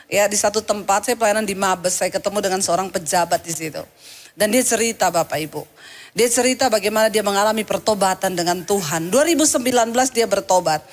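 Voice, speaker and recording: High-voiced woman pastor preaching with humor. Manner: storytelling with humor, quoting people vividly. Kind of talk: sermon.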